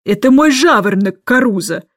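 Woman narrator voicing a stern old governess, loud and bossy, low for her. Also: expressive, dry recording, studio quality. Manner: booming, indignant, slow emphatic shouting.

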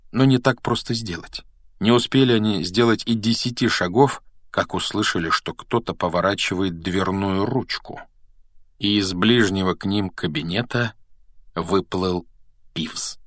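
A man narrating an audiobook in an expressive, measured way. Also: lowish voice, no echo, clean studio sound. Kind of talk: scripted narration.

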